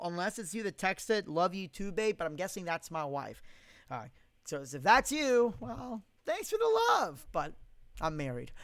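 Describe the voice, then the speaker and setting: A young man with a high, smooth, clear voice hosts a casual live-stream Q&A, reading out viewer comments. He answers bluntly and profanely, ranting with strong opinions. The sound is close and dry, from a condenser mic in a home studio. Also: a bit bright, no room sound.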